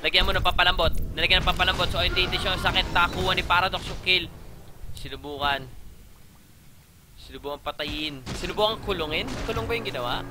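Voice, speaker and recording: Excitable Filipino man casting a game. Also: sits high, fairly quick. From Philippines. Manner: excitable, frequent loud exclamations. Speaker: game commentator. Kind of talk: live video game commentary. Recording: game sound noise behind the voice. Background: game sounds.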